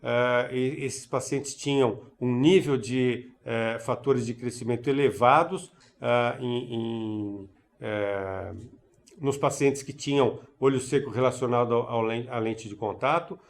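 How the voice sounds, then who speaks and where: A man giving a recorded conference lecture on eye care, halting, with many fillers and restarts. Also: mid-range voice, fairly even intonation. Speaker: ophthalmology lecturer.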